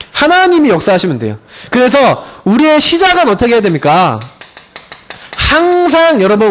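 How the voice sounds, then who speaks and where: A young man preaching an afternoon sermon as pastor. He acts out dialogue with friends and stretches key words slowly for emphasis. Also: extremely high pitch.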